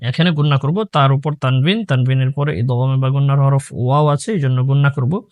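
A man teaching Quran recitation, spelling each syllable aloud and then chanting the word slowly and drawn out. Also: medium pitch, fairly even intonation, darkish tone, dry recording. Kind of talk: letter-by-letter recitation lesson.

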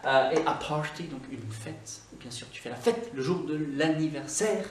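A man hosting a video English lesson, upbeat, repeating English words slowly to model pronunciation, recorded by the camera from a few feet away indoors. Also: on the high side. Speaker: English teacher and channel host. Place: indoor room, moving in and out of camera frame. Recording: echoey room, voice from a distance, faint background noise.

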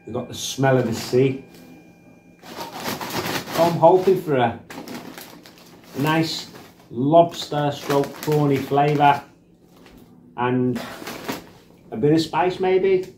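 Man, forties, casual reviewer, short halting phrases, echoey small room, clear background noise. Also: fairly high pitch. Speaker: snack reviewer. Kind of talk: casual food review to camera. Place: small bare indoor room. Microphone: camera across a table.

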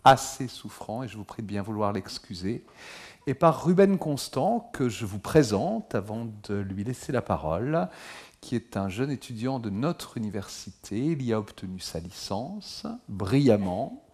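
A man's voice: fairly low pitch, very animated, a little mellow, slightly rough. Middle-aged man giving a courteous address. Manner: courteous, measured and formal. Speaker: historian and lecture host. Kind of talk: formal public address. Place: lecture hall.

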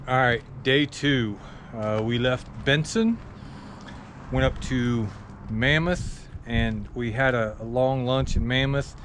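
A man's voice: mid-range voice, takes it slowly, a bit bright. Plain-spoken man, noisy outdoor take. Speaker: motorcycle vlogger. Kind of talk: casual ride recap. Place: outdoors on a motorcycle trip.

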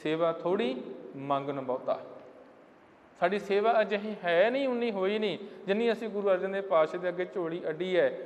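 A man giving a Sikh sermon who explains scripture and sings the quoted lines slowly. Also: sits high, in a large hall, slight background noise. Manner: addresses listeners as dear ones of the Guru. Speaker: Sikh preacher giving katha.

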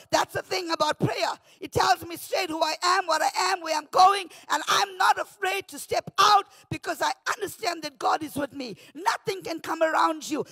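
A South African woman pastor delivers a morning devotion from behind a church pulpit, holding a handheld mic. Her very high, creaky voice is fervent, often shouting before falling to a hush, and the recording sounds dry.

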